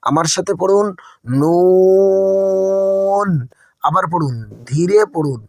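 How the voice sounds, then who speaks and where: A male Quran teacher with a slightly high voice, recorded close and dry with no room sound. He talks patiently and says each point twice. He speaks to his listeners warmly as friends. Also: normal speed, no echo, soft background music.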